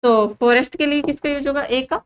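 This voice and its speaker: A woman with an Indian accent teaching an online grammar lesson. She asks her students questions and answers them herself, repeating key words slowly as a drill. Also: high voice, steady tone, a little hiss or hum, low-quality recording.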